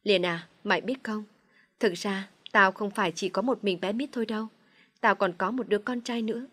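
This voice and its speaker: A woman's voice: medium pitch, normal speed, a bit bright, natural voice. A woman reading a storybook, voicing a young mother who pleads through her tears. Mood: grieving.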